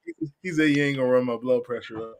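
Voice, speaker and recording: A man's voice: mid-range voice, quick pace. A male podcast co-host on a video call, talking football in a laid-back, slang-heavy way. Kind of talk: casual sports chat.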